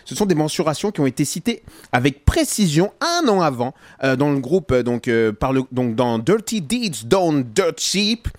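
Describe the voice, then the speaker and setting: A man's voice: mid-range voice, expressive, moderate pace, dry recording. A man hosting a music radio show, chatting casually and playfully with plenty of fillers. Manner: chatty and playful, many fillers, chuckles at his own asides. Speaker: radio host. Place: radio studio.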